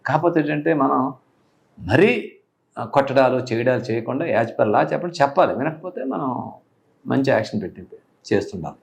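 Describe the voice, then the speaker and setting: A middle-aged man, a police officer, talking earnestly in an interview and rising high in pitch when he stresses a point. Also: lively intonation, a little fast, creaky, long pauses. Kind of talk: casual interview talk.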